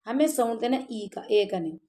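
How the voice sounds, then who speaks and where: A woman teaching tajweed, patiently explaining pronunciation step by step and then chanting the words slowly. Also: fairly high pitch, lively intonation, dark tone. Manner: patient, explains step by step, often checks with "ٹھیک ہے؟"; slow drawn-out chanted recitation between plain explanation. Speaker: Quran recitation teacher. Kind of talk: tajweed lesson, explaining and reciting.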